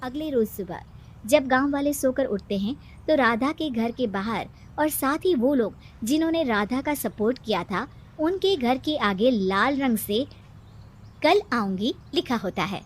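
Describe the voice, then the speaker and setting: A woman's voice: high-pitched, animated, unhurried. A woman reading scripted narration for a cartoon story.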